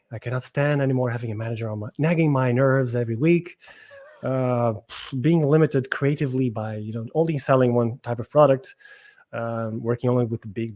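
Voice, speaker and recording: A man talks casually as a podcast guest. He searches for his words and often restarts his sentences. His voice sits at an ordinary middle pitch. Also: a little mellow. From Portugal. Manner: thoughtful, hesitant, many restarts. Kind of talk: casual interview talk.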